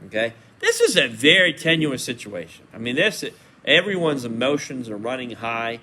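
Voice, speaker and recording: A man's voice: mid-range voice, normal speed. Chatty man teaching a Bible study. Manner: animated and chatty, lots of fillers and restarts. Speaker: pastor leading Bible study.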